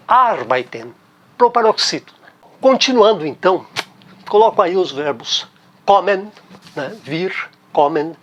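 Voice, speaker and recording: Brazilian guy teaching a language class, talks real slow and patient, repeats words a lot. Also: high voice. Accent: Brazilian Portuguese. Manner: patient, repeats key words, checks in with tag questions. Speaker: German teacher. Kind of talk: explanatory language lesson.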